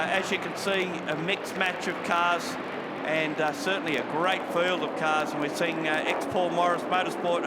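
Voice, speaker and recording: A man working as a motorsport commentator, calling a live race conversationally and filling in background detail. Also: a little high. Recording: loud race car noise behind. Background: racing cars passing.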